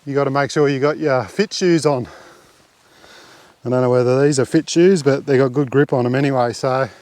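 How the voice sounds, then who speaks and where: An Australian man vlogging outdoors on a bush track, chatting in a relaxed, rambling way with lots of fillers into a handheld camera mic. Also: mid-range voice, brisk, no echo. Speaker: camping vlogger. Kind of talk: casual walking commentary.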